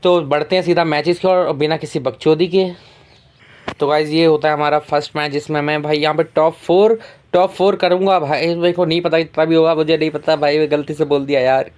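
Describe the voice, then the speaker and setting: A young man narrates his tournament gameplay in a quick, slangy, chatty way. His voice sits a little above the usual male range. He hurries through every line. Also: a little high, fairly even intonation, a little mellow, clear, resonant tone. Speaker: gaming YouTuber. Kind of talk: casual gameplay commentary.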